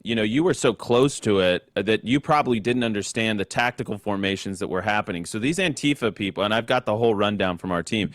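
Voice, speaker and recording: A man's voice: lowish voice, fairly bright tone, dry recording, studio quality. A man hosting a political talk show, giving commentary and putting questions to guests.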